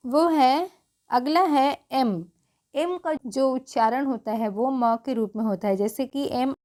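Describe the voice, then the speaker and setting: A high-pitched woman with a Hindi accent gives a beginner's phonics lesson. She speaks slowly, spelling out each word one letter at a time. Then she poses a question and answers it herself. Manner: spells words letter by letter, asks and answers her own questions. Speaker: English teacher.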